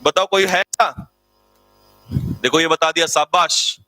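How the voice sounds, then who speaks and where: A man leads an online vocabulary class with brisk energy, spelling words letter by letter and repeating answers for his students. His voice sits high and sounds bright and forceful. The recording is dry and close, with no room sound. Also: steady tone, no echo. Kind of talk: live online lesson.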